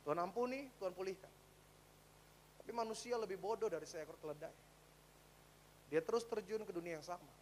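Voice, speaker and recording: A preaching pastor, a man with a high, light voice. He moves between loud calls to the congregation and quiet, close storytelling. A faint hum sits under the recording. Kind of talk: sermon.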